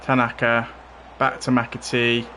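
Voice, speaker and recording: A man's voice: mid-range voice, a little slow. Male streamer, casual live play-by-play with a faint hum behind. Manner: casual running commentary, bursts of excitement at goals. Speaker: streamer playing a football game. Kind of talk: live gameplay commentary.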